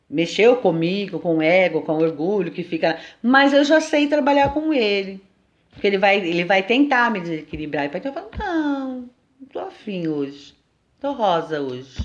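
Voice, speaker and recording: A woman with a Brazilian accent giving an informal spiritual lesson in a conversational, lively way, often checking in with her listeners. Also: fairly low pitch, highs cut off. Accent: Brazilian Portuguese. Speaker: teacher at a spiritual temple.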